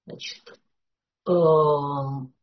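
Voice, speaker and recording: Speaking unscripted and explanatory, a lecturer talks very slowly and deliberately at a middling pitch with fairly even intonation. He hesitates often, hunting for words with long "uh" fillers, and the recording sounds dull and lo-fi.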